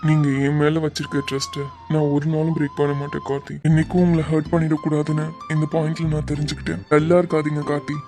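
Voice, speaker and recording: A man voicing a calm young police officer who reassures his friend steadily and kindly, in an animated drama. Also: on the high side, fast, hardly any pauses, soft background music, natural voice. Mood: reassuring.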